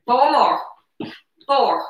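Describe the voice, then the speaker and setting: A woman coaches a workout in a high voice, counting reps in short, energetic cues. Her delivery is unhurried, with slow gaps between encouraging calls. She is recorded a little way from the microphone in a strongly echoing room. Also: highs cut off, slight background noise. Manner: energetic, encouraging while exercising. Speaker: aerobics instructor leading chair exercises. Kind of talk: live fitness class coaching. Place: brick-walled living room at home. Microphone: camera a few metres away. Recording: roomy echo, distant camera microphone.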